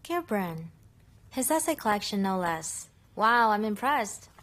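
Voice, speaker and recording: A woman's voice: mid-range voice, sing-song, unhurried, a bit bright. An actress dubbing a nosy young daughter who teases her father, in an English dub of a TV drama. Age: young adult. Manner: teasing, nosy. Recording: faint background noise.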